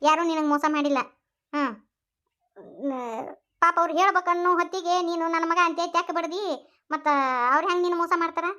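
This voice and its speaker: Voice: very high-pitched, fairly even intonation, fairly quick, long pauses, pushed and bright. A voice actor playing a consoling elder sister in a village, with a North Karnataka accent. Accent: North Karnataka Kannada. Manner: soothing, coaxing.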